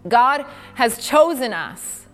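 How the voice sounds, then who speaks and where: A woman's voice: a little high, very animated, slow pace. A woman preacher delivering an emphatic, repetitive sermon in a church. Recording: reverberant hall with soft music.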